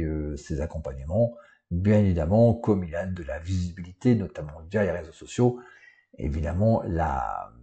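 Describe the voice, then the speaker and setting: A man with a low, mellow voice teaches in a loose, conversational way. He fills his pauses with hesitations and keeps checking in with the listener. His sits easily in the plain talk of a coaching trainer. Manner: casual, many fillers like "euh" and "hein". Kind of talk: unscripted online lesson.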